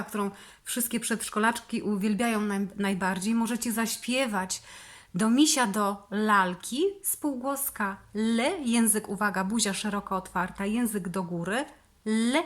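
A woman with a Polish accent leading preschool children through speech therapy exercises, giving slow, sing-song, encouraging instructions. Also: medium pitch, a bit bright. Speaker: preschool teacher.

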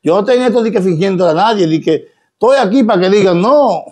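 A man's voice: sits high, expressive, quick pace, a little mellow. Emphatic Dominican man preaching to camera. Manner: emphatic, preachy, rhetorical questions. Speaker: social media personality. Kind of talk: direct-to-camera monologue.

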